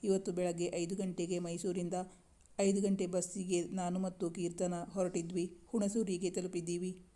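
Anxious young woman in a storybook, hesitant and pleading, read by a woman; low, mellow tone. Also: little pitch movement, normal speed, natural voice. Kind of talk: storybook dialogue reading.

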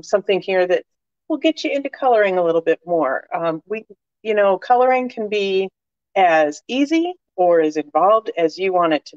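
A woman's voice: medium pitch, no echo, highs cut off. A woman with a slight cold, a crafting demonstrator chatting her way through a live-stream demonstration with many fillers and asides. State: slight cold, cough drop in mouth.

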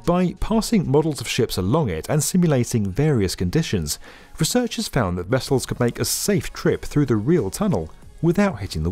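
A man narrating a scripted documentary in a lively, upbeat explainer manner. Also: medium pitch. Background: faint background music.

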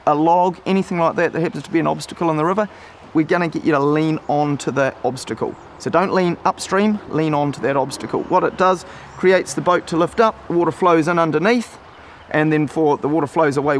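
A man's voice: fairly high pitch, brisk, hardly any pauses, slight background noise. A middle-aged man with a broad New Zealand accent, chatting casually and explaining things as a river guide outdoors. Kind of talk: casual instructional chat.

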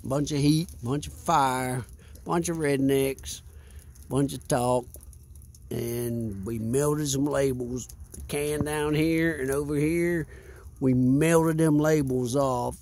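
Man, vlog host, rambling laid-back beer chat, unhurried. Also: medium pitch, steady tone, a little mellow, a little hiss or hum. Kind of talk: casual beer-review chat by a fire.

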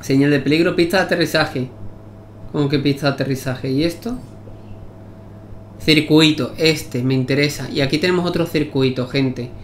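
A man's voice: fairly high pitch, normal speed, a little hiss or hum. A man with a Spain Spanish accent, giving casual gameplay commentary with swearing and chatty asides. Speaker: gaming YouTuber.

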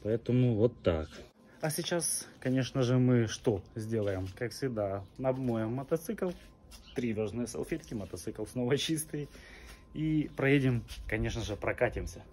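A man's voice: medium pitch, lively intonation, a little slow, pauses often, a little mellow, slight background noise. A man in his twenties explaining things casually to his vlog camera, held at arm's length outdoors. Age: 20s. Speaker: motorcycle vlogger. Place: outdoors in a house yard.

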